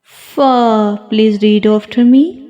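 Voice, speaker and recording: Woman teacher going super slow over letter sounds, kinda high voice, muffled lo-fi audio. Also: dark tone. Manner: slow, deliberate, repeats each sound for pupils. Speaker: Quran teacher. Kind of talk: slow children's alphabet lesson.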